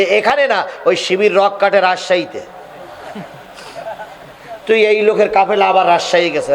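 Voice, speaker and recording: A man with a Bangladeshi Bengali accent preaching a sermon, rising into shouts and chanted storytelling. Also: high-pitched.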